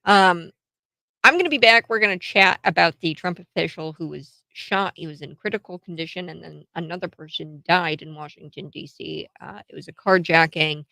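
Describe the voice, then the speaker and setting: A woman's voice: fairly low pitch, moderate pace, vocal fry, bright, forceful tone, no room sound, rough recording. A woman hosting a live radio talk show, giving opinionated commentary with exclamations and rhetorical questions. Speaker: radio morning show host.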